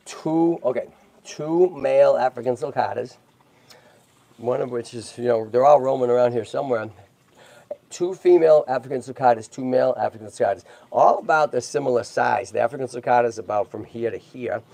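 Male livestream host, rough fry-edged voice, chatty, keeps asking "right?", dry sound. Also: mid-range voice, a little fast, dark tone, no room sound. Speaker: host of a tortoise rescue livestream. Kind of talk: casual livestream chat.

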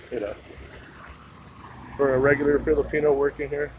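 Holding a phone camera, this Idaho vlogger strolls a town roadside and talks in an easygoing, chatty way. His medium-pitched voice stays level and unhurried, while passing cars, clear traffic noise and street sounds come through the outdoor audio.

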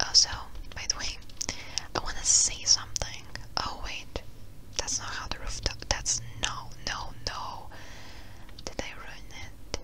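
A video host speaking in a breathy close-up whisper, rambling reassuringly in a casual ASMR gaming chat, with keyboard typing behind. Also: a little slow, rough recording. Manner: rambling, reassuring advice-giving. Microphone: close-up microphone.

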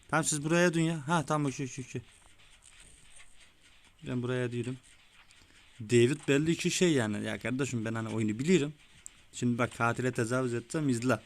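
A young man giving casual, excitable gameplay commentary, swearing often and talking like a buddy, his voice a bit rough. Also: mid-range voice. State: sweaty, voice gone a bit rough. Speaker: gaming YouTuber. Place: small room with window closed.

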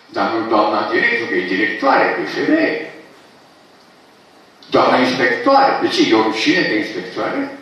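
Recorded from afar in a hall full of echo, an older professor launching his books speaks in a mid-range, slightly bright voice. He nitpicks word usage and breaks out in emphatic protests.

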